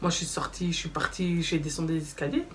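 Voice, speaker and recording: A young woman with a lowish voice tells a story in a casual vlog, slangy and animated, acting out what people said. She sits a little back from the mic, and faint background noise runs under her voice. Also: fast talker, far from the mic. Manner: animated, slangy, acts out quoted dialogue. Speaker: vlogger.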